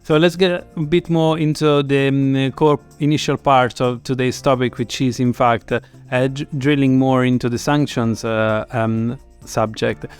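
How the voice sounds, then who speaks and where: A man's voice: mid-range voice, steady tone, unhurried, hardly any pauses, smooth, faint music behind. Polite male interview host. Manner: hesitant, many fillers, polite. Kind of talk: interview hosting.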